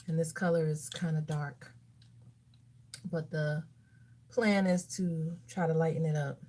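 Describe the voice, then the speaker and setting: Chatty woman with a slow drawl. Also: sits low, steady tone, mellow. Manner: chatty, talks to herself while applying makeup; sassy asides to viewers. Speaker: beauty vlogger. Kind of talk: casual get-ready-with-me chat.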